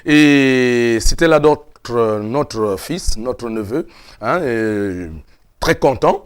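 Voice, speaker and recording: A male television presenter speaks at a medium pitch. His s sounds come out slushy and lisped, and he delivers his links haltingly, leaning hard on some words. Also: expressive, clear, resonant tone. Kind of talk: presenting a TV music show.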